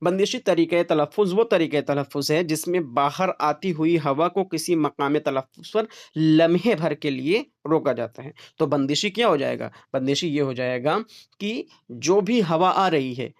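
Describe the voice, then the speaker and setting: A young man teaching an exam-prep class in a slightly raised voice. He moves through the material one step at a time and keeps pausing to check that his students are following. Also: fairly high pitch. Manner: explains step by step, keeps checking in with "theek hai".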